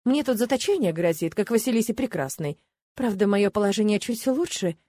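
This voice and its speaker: A woman reading a first-person romance audiobook in an expressive, ironic way. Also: medium pitch, brisk, no echo, clean studio sound. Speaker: audiobook narrator.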